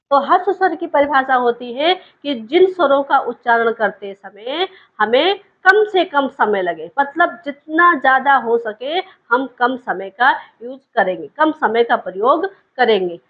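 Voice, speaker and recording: A woman with a high-pitched voice teaches a grammar lesson, asking questions and answering them herself while repeating key points. She drags out vowel sounds to demonstrate them, and the recording is muffled.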